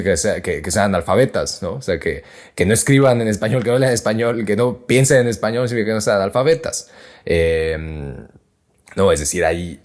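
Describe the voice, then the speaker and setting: A man with a Mexican accent hosting a podcast, explaining things in a casual, slangy way with lots of fillers and restarts. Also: sits low. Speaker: podcast host.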